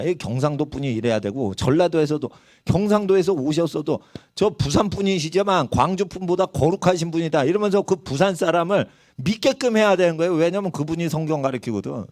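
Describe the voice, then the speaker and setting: Male pastor, middle-aged, lively sermon delivery, dry close sound. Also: fairly high pitch, dry recording. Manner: animated preaching, dramatizing quoted voices and regional dialects.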